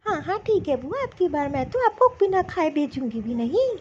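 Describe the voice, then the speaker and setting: A woman's voice: high-pitched, sing-song, normal speed, a little mellow, muffled recording, slight background noise. A woman voicing a sweet cartoon daughter-in-law. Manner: sweet, respectful. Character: polite, obliging young daughter-in-law. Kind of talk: Hindi cartoon voice acting.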